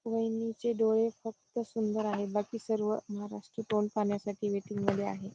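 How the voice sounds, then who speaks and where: A woman from Dharashiv district, Maharashtra, chats casually on a live stream while herding goats outdoors, greeting viewers and reading their comments into her phone. Her medium-pitched voice is completely flat at a moderate pace, and the audio has cut-off highs and background noise.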